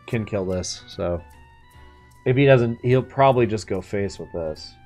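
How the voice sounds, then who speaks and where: A man's voice: fairly low pitch, unhurried, a little mellow. Guy streaming a game, chatty and slangy, swears a bit, music in the background. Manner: casual slangy speech with swearing. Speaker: live streamer. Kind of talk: casual live game-stream commentary and chat.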